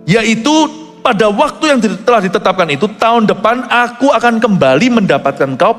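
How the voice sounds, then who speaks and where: This male pastor delivers his sermon with emphasis, slipping in English phrases as his voice moves between quiet low asides and loud high climaxes. Soft music plays behind him, and a long hall reverb trails his words.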